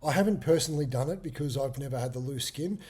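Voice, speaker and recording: A man's voice: medium pitch, quick pace, mellow, slightly rough. A man, a fitness coach explaining things informally in a casual chat.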